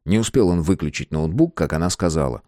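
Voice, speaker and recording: A man narrating an audiobook in measured storytelling, recorded with a dry, close sound. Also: deep voice, lively intonation, darkish tone, no room sound. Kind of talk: scripted narration.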